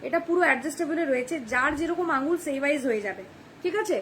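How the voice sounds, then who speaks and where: Fast-talking high-voiced young woman. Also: a bit bright, a little hiss or hum. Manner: fast, chatty, keeps checking "ঠিক আছে?". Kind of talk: live-stream sales pitch. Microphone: phone camera.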